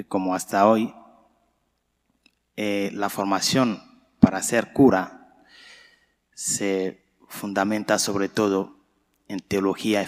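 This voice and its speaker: A male priest speaking solemnly and deliberately as he leads Mass, with cathedral-like echo around his voice. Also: fairly low pitch. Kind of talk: liturgical Gospel reading and homily. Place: large reverberant church. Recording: echoing church acoustics with long reverb.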